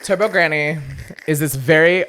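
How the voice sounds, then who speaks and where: Brief: male podcast host, smooth resonant voice, a touch high, animated swearing storyteller. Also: normal speed. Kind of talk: casual podcast chat.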